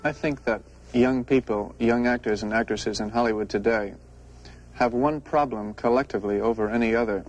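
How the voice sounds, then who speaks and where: A young man speaks earnestly in long, winding sentences. He pauses often to find his words. His voice sits at an ordinary middle pitch. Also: fairly even intonation, faint music behind, poor audio. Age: young adult. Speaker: young actor. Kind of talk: earnest spoken opinion piece.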